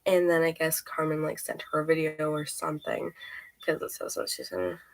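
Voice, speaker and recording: Casual female vlogger, monotone delivery, rambly and self-interrupting. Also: low voice, fairly quick, vocal fry, rough recording. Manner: rambling, self-interrupting, laughs at own stumbles. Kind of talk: casual storytime, reading texts aloud.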